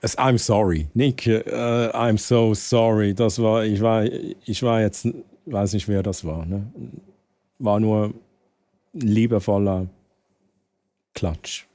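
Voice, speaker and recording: A man's voice: lowish voice, fairly even intonation, slow pace, dark tone, dry recording. A young man from Switzerland with a Swiss German accent, chatting casually to his chat while gaming, often dropping English exclamations. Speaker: streamer.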